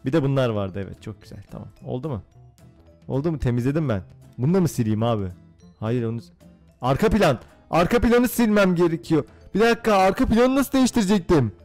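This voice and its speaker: A young man giving excitable let's-play commentary on a game, laughing and swearing often. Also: mid-range voice, a little fast, soft background music. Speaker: gaming YouTuber.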